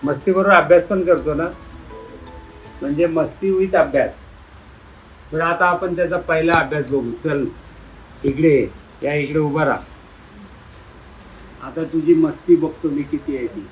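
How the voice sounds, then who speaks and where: A man playfully quizzing schoolchildren, coaxing and teasing them and urging them to speak louder. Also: fairly high pitch, unhurried, pauses often, highs cut off, faint music behind. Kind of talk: playful classroom questioning.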